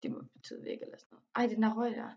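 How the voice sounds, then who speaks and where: A young woman giving casual gameplay commentary, excitable and quick to exclaim and complain, with English slang mixed in. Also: fairly high pitch, muffled recording. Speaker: gaming vlogger.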